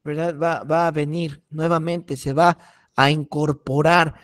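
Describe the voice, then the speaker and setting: A man's voice: a little high, flat delivery, measured pace. A middle-aged man, a pastor giving a preaching workshop and repeating key warnings earnestly.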